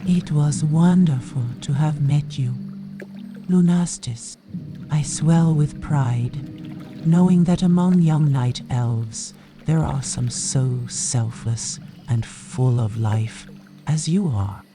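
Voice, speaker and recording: A man playing a wise, kindly night elf druid mentor with formal, measured speech in a fantasy game. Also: on the high side. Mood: grave, kindly. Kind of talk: scripted fantasy game dialogue. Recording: music behind the voice.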